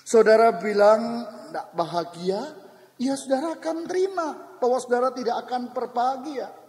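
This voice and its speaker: An older Javanese-accented preacher with a high but dark, mellow voice delivers a lively sermon, addressing his congregation directly. His voice rings with a long echo through a church hall. The recording comes from an old cassette tape. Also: moderate pace. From Central Java, Indonesia. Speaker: pastor.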